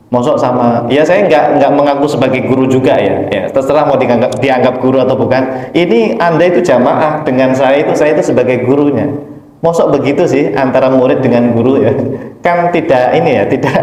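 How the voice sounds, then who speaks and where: Animated male preacher in an echoey hall. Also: medium pitch. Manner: animated storytelling, constantly addressing listeners as "Pak"; emphatic, rising sharply on key points. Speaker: Islamic preacher. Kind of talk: conversational mosque study lecture. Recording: echoey hall with long reverb.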